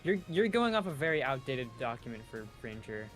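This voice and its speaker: A man's voice: mid-range voice, big pitch swings, fairly quick, fairly bright tone, faint music behind. A man playing in a tabletop game, making dry, matter-of-fact remarks over an online call. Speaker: player. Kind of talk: casual tabletop game chat.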